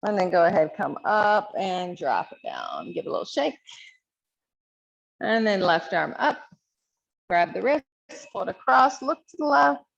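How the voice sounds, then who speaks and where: Gravelly-voiced woman leading yoga. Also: mid-range voice, a little slow, highs cut off. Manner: calm, encouraging cueing of poses. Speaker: yoga instructor. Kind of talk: guided yoga class instruction.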